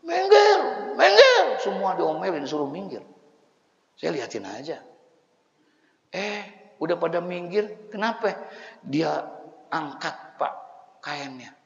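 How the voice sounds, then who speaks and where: Betawi preacher man, joking sermon story, raspy-ish high voice, muffled roomy sound. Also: expressive, takes it slowly, pauses often. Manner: folksy, joking, asks the audience questions. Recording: echoey hall, dull lo-fi sound.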